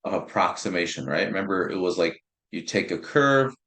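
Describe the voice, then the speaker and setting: Young male instructor, very low voice, relaxed lecture delivery with restarts, roomy sound. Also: fairly quick. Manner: informal, restarts words, thinks aloud with fillers. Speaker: math instructor. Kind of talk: recorded lecture. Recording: roomy echo.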